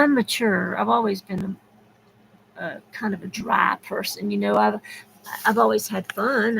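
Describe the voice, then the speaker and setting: A woman's voice: medium pitch, fairly bright tone, a little hiss or hum, poor audio. A woman in her sixties with a Southern accent, chatting and rambling on a live stream and answering viewers by name. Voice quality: gravelly. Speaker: YouTube creator. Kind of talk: casual live-stream chat.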